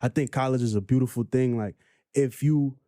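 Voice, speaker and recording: Male guest from Trinidad, quick reflective talker, warm dark tone. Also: medium pitch, no room sound, studio quality. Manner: quick, reflective, many fillers and slang. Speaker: guest, music group member. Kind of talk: casual podcast conversation.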